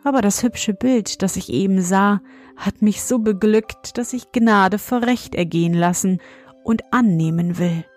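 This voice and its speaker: A woman voicing a gentle, motherly queen of sleep in a storybook, speaking softly and calmly. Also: mid-range voice, a little slow, faint music behind, natural voice. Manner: soft, calm and warm scolding.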